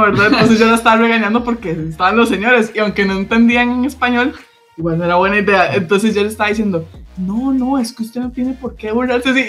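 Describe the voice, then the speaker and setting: A young woman from Costa Rica with a Costa Rican accent, co-hosting a casual chat and telling an animated story with frequent tag questions. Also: mid-range voice. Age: young adult. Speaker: podcast co-host.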